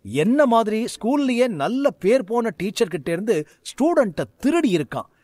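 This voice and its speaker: A man's voice: high voice, dry recording. A proud, short-fused magic teacher, played by a man fires off indignant questions in a raised, swooping voice. The recording is dry and close, like a storybook audio narration. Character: arrogant, hot-tempered male magic teacher.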